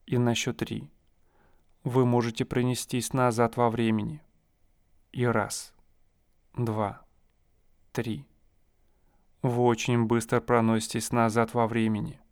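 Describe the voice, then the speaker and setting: Smooth, calm male hypnotist voice. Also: medium pitch, no echo, clean studio sound. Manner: slow, soothing, suggestive phrasing. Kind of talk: guided hypnosis session.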